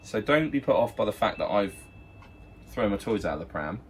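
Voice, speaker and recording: A man with a slightly low voice gives a blunt, exasperated critique in a casual magic review. A faint hiss sits under his voice throughout. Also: expressive, fairly quick. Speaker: magic shop review co-host.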